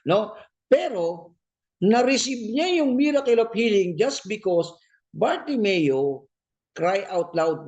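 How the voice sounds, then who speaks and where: Male preacher with a Filipino accent, higher pitch, emphatic sermon delivery with frequent call-outs to listeners. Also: darkish tone. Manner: emphatic, repeats key phrases, frequent "no?" and "po". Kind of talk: sermon mixing Tagalog and English.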